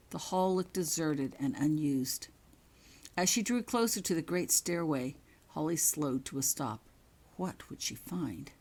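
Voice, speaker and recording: In a low-pitched voice, a woman narrates her own fiction as a scripted, dramatic story. She delivers it in measured, suspenseful short phrases.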